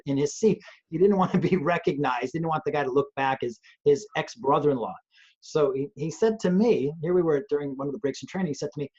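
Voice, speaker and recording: A man's voice: on the high side, a little mellow, husky, muffled recording. A man, a police trainer, talking earnestly and thoughtfully on a webcast, often restarting his sentences. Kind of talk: conversational webcast talk. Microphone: video call.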